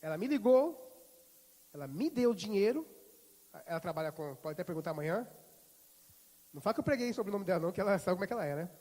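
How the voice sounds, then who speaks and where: A man's voice: sits high, expressive, fast, long pauses, a little mellow. Brazilian male pastor, middle-aged, acts out dialogue in his sermon, long church reverb. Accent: Brazilian Portuguese. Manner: storytelling, acting out dialogue. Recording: hall reverb.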